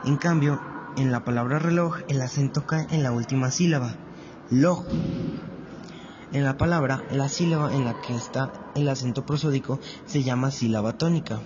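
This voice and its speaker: A man narrating a scripted lesson in a clear, measured way. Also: medium pitch. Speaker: teacher. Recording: dull lo-fi audio with steady noise.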